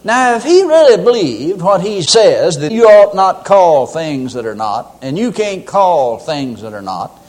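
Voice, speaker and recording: A man's voice: high voice, big pitch swings, a little slow, few pauses, darkish tone. A man preaching a sermon in a church, folksy and humorous as he tells his examples.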